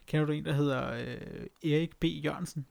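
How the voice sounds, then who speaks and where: Male co-host, slightly high, gravelly fry in the voice, dry and matter-of-fact in casual talk. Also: steady tone, a little mellow. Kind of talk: casual chat.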